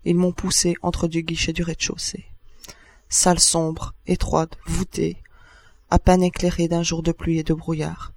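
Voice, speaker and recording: A man reading a first-person literary text aloud as narrator, in a measured way with short pauses between phrases. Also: a little high, monotone, creaky.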